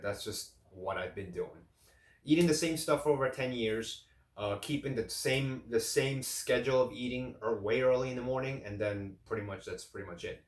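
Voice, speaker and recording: A man in his late thirties chats casually about his eating routine, circling and restarting his sentences as he goes. His voice sits at an ordinary middle pitch. The room around him is echoey. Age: late 30s. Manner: rambling, repeats and restarts phrases. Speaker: fitness vlogger. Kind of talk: casual talk to camera.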